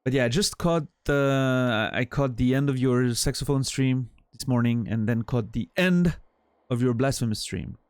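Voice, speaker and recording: Speaking at a moderate pace in a mid-range voice, this man has a darkish, clear and resonant tone, captured in clean studio sound with no room noise. He's a fortyish streamer from French-speaking Switzerland with a Swiss French accent, rambling self-deprecatingly to his chat and letting sentences fade into fillers.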